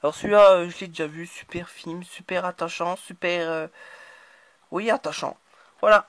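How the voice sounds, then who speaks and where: A woman hosting her own channel, talking casually through a haul of new purchases, often hesitating and filling pauses. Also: fairly low pitch, steady tone, no echo. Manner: hesitant, constant filler words. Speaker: channel host. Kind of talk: casual DVD haul talk to camera.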